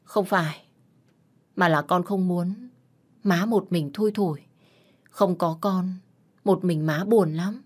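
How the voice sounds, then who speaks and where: A woman's voice: fairly low pitch, slow, pauses often. Woman voicing a tender young daughter. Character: young daughter, loving and stubborn.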